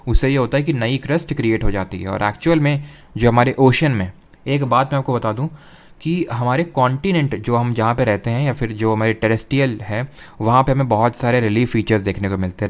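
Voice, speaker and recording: A young adult man teaching an exam-prep geography lecture, explaining step by step, mixing in English terms and often checking whether students follow. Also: mid-range voice.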